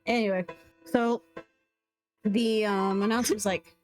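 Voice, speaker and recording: A woman's voice: medium pitch, steady tone, slow, a little mellow, faint music behind. A woman running a tabletop game as game master, narrating in a casual, laughing way. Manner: casual, laughing narration with quoted character voices.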